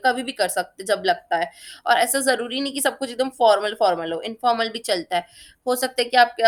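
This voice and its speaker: With a mid-range, fairly bright voice, a woman tutor chats her way through a casual exam-prep lesson. Everyday examples fill her explanations, and "theek hai?" comes up again and again as she checks that students are following.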